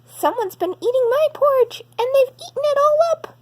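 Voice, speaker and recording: A woman voicing a tiny male baby bear cub in a high, crying little voice. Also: expressive, moderate pace, darkish tone. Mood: upset.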